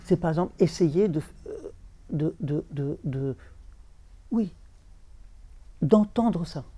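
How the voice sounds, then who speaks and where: A man talking as a literary translator before an audience, halting, repeating words and chanting verse rhythms. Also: fairly high pitch, expressive, mellow, husky. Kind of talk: bookshop talk with audience.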